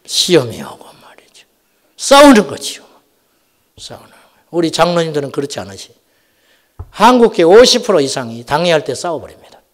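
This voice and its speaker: Lively Korean pastor preaching at night. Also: male voice, a little high, brisk. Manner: animated, swings between shouting and near-whispering asides; folksy storytelling with acted quotes. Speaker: senior pastor. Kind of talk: Friday night sermon. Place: church sanctuary.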